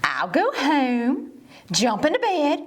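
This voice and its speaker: An excitable, sly fox puppet acted by a woman, very high in pitch and swooping all over. He schemes eagerly in drawn-out, exaggerated phrases, like a bungling children's show trickster. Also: full character voice. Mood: sly scheming.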